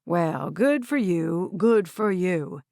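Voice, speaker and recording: A proud, gruff old man, as a woman narrator puts him on, drawling slow and folksy. The voice dips a little lower than her own. It is a dry, close audiobook recording. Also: lively intonation, a little mellow, no echo.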